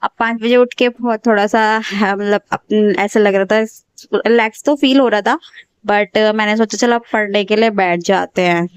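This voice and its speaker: A woman in her twenties talks through her day in a loose, chatty vlog style, often circling back and correcting herself mid-sentence. Her voice is smooth and clean. The recording is dry, with no room echo. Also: medium pitch, steady tone, normal speed. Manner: chatty, rambling, frequent self-corrections. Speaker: exam aspirant vlogger. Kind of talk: casual daily study vlog narration.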